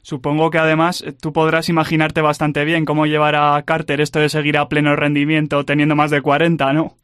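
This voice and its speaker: A man hosting a sports radio interview, asking measured questions. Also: fairly high pitch, monotone, fairly bright tone, clear, resonant tone, no echo, clean studio sound.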